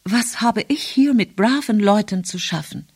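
A woman's voice: medium pitch, lively intonation, unhurried, darkish tone, breathy edge, dry recording, studio quality, voice pushed up. A woman voicing a cool, guarded young bride in an audiobook, with curt replies.

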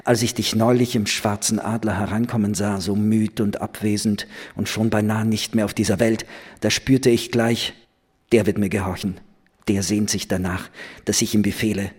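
A commanding young woman, playful yet grave, read by a man in an audiobook. The voice sits low and slightly husky. It speaks slowly and with quiet insistence. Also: level tone. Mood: earnest, commanding.

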